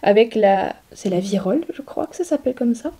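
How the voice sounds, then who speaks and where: Woman, beauty vlogger, casual haul chat, talkative with fillers, fairly high pitch, warm mellow tone. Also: lively intonation, brisk, breathy edge. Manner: chatty, explains as she shows items, frequent fillers. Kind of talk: casual product haul talk.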